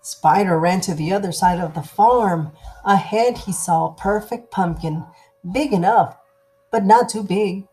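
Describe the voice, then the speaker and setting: A woman reading a children's story aloud as storyteller, with deliberate, dramatized phrasing. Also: medium pitch, mellow, rough recording.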